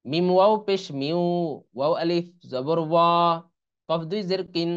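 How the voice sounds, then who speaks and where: A man teaches a Quran reading lesson in a somewhat high, clear and smooth voice. He calls out letters and vowel marks, then recites the joined words in a slow, stretched chant. The audio is a little muffled and lo-fi, like an online class recording. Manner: slow drawn-out recitation of joined words between quick explanations. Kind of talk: spelling out Arabic letters and vowels for students.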